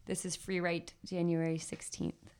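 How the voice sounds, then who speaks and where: A woman with a slightly low voice, a guest on a podcast. She talks animatedly and shifts easily into rhythmic, expressive spoken word recitation. Her delivery builds and flows with the cadence of performed poetry. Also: measured pace, clean tone. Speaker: poet and guest.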